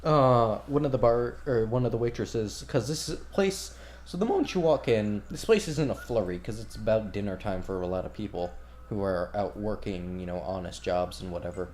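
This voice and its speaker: A man running a tabletop game, talking casually and wandering through his descriptions with lots of "um" and "like". His voice sits a bit low. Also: expressive, moderate pace, a little mellow, slight background noise. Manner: casual, rambling with many fillers. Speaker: game master.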